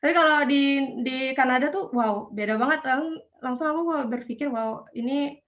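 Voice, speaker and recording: A woman's voice: high-pitched, fairly quick, a bit bright. A young woman from Indonesia chatting as an interview guest, hesitant with many fillers. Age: young adult. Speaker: guest, student abroad. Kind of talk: casual online interview.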